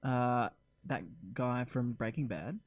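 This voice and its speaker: A man's voice: mid-range voice, slow, dry recording. Upbeat man co-hosting a podcast. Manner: laughs easily and answers in short, enthusiastic bursts. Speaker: podcast co-host. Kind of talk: casual chat. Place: studio.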